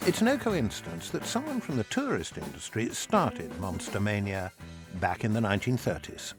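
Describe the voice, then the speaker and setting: A man's voice: lowish voice, sing-song, moderate pace, loud music behind the voice. A man reading dramatic scripted documentary narration.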